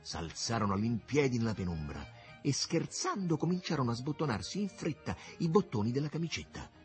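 A man narrating a literary novel with an expressive, swooping storytelling delivery. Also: mid-range voice, fairly quick, faint music behind.

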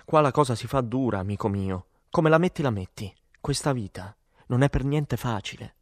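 A man's voice: mid-range voice, lively intonation, moderate pace, no room sound, studio quality, lightly acted. A man voicing a weary, exasperated woman who sells vitamins, swearing and emphatic, in an audiobook. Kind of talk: audiobook character voice.

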